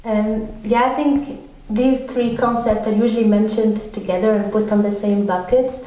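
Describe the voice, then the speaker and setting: A woman's voice: mid-range voice, fairly even intonation, moderate pace, warm tone. Woman, from Tunisia, podcast guest, hesitant, lots of ums, far from the mic, very echoey room. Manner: hesitant, many ums and restarts. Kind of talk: conversational interview answers.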